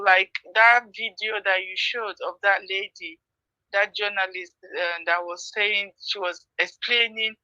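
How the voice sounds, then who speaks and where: A woman calling in to a talk program over the phone, speaking in a measured, hesitant way with frequent fillers. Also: mid-range voice, sharp tone, no echo. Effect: heard over a phone line. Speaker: phone-in caller. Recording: dull, lo-fi phone line.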